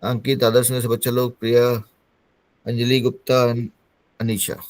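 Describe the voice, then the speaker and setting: A man's voice: medium pitch, completely flat delivery, normal speed, a little mellow, no room sound. Man teaching an online English class. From Bihar, India. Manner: mixes Hindi and English, explains patiently.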